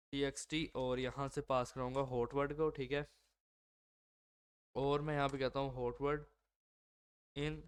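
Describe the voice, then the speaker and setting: A coding tutorial host with a sore throat talks through his code in a casual screen-recorded walkthrough, thinking aloud with many fillers and self-corrections. He has a mid-range, clear, resonant voice.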